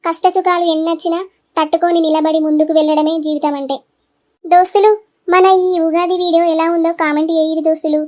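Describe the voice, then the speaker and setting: High-voiced host with a Telangana accent. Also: female voice, a little mellow. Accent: Telangana Telugu. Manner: friendly greetings to viewers. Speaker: channel host. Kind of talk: casual video introduction.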